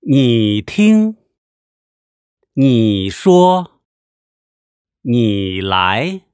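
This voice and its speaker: A language teacher modelling words for a pronunciation drill, pronouncing each syllable slowly and distinctly. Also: mid-range voice, big pitch swings, a little mellow, clean tone, dry recording, clean studio sound. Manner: slow, careful, syllable-by-syllable delivery.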